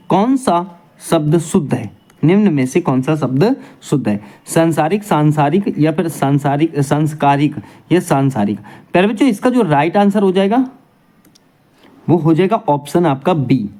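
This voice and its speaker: A man's voice: on the high side, sing-song, moderate pace, warm tone. A male teacher giving an exam coaching lesson, asking questions and answering them himself while checking in with his students again and again.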